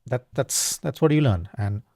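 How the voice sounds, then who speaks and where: A man's voice: medium pitch, lively intonation, normal speed, creaky, a little mellow, no echo, studio quality. A man from India hosting a solo podcast, talking in a casual, thoughtful way, with lots of "um", "you know" and "right?". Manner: casual, thoughtful, many fillers and tag questions. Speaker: podcast host. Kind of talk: reflective solo talk.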